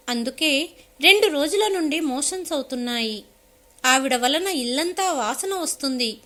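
A woman's voice: high voice, pushed and bright, heavily acted. A woman voicing a harsh, domineering sister-in-law in a story reading. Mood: dismissive. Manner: contemptuous, bossy.

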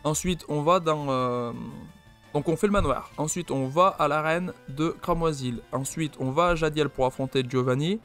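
A man's voice: fairly high pitch, moderate pace, fairly bright tone, faint music behind. A man with a French accent hosting an unscripted let's play, thinking aloud with many fillers and restarts. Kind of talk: unscripted gameplay commentary.

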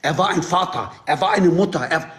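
A man with a high, very lively voice argues in a group call. He is insistent and combative, pushing his point and cutting in on others. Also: a little fast. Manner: insistent, argumentative, talking over others. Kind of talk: heated argument in a live group call. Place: indoor room, group video call. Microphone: video call on phone or computer.

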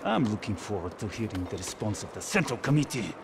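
A man's voice: on the low side, sing-song, fast talker. A man playing a haughty, indignant Soviet general in a video game. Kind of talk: video game drama acting. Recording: noisy game ambience behind.

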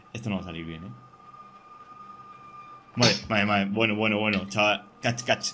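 A young man, hosting casual co-op gameplay chat, excitable and jokey, talking through every move. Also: lowish voice, unhurried, background noise. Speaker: gaming podcast host.

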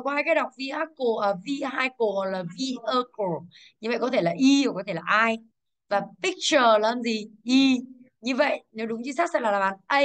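Woman, English teacher, classroom, quizzing pupils, fairly high voice. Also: a bit bright. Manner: quizzing pupils, drilling pronunciation. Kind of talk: classroom lesson.

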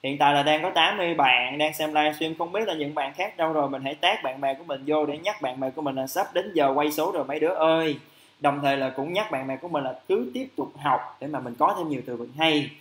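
Lively male teacher, echoey room. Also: a little high. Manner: lively, calls students "tụi con", stretches out English phrases slowly. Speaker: English teacher. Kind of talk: livestream vocabulary lesson.

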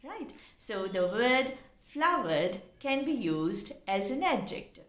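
Woman, teacher; slow, deliberate, earnest delivery in an echoey room. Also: a little high, sing-song, a bit bright. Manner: earnest, explanatory, spells words letter by letter. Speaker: English teacher. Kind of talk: pronunciation lesson.

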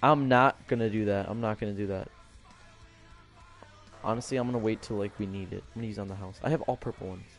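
A young man giving live commentary on his own gameplay. He is excitable, swinging between quiet muttering and shouting at his teammates. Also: lowish voice, quick pace, pauses often, faint music behind. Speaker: gamer.

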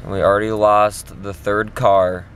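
A man's voice: on the low side, little pitch movement, measured pace, poor audio. A young man chatting casually with friends while filming a road-trip vlog on a handheld camera. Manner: easygoing, chatty, colloquial. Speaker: student filming his team's trip. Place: outdoors by a van, then in the van. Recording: loud traffic and outdoor noise.

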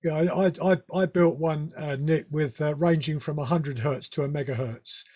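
A man's voice: a little high, normal speed, darkish tone. A man with a Northern English accent hosting a radio club meeting, talking casually with many restarts and fillers. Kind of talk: casual club talk over video call.

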